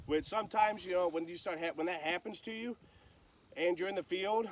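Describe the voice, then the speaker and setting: A man's voice: high-pitched, fairly quick, far from the mic, slight background noise. A man giving casual, folksy, plain-spoken instruction as a hunter sharing calling tips.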